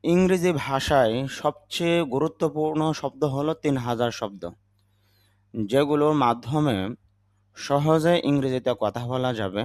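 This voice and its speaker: A man's voice: medium pitch, measured pace, darkish tone, no echo. A man, teaching English words and patiently repeating each one with its meaning. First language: Bengali. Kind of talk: vocabulary lesson.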